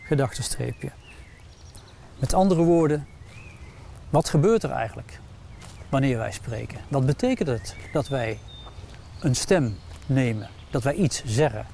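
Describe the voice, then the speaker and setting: A man's voice: medium pitch, animated, unhurried, creaky, long pauses, warm tone, a little hiss or hum. A man giving a philosophy lecture, reflective and questioning, stressing key words emphatically. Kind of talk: lecture with read-aloud passages.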